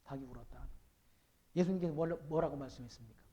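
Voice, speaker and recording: A male pastor preaching a sermon. He reads scripture slowly and forcefully, asks the congregation questions, and moves between loud declaiming and quiet asides. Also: fairly high pitch.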